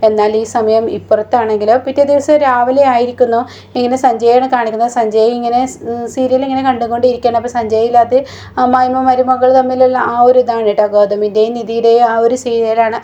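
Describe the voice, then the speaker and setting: A woman's voice: on the high side, dark tone. A woman casually narrating a recap of a TV serial, chatty and full of fillers. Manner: rapid retelling with frequent tag fillers. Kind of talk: casual spoken plot recap.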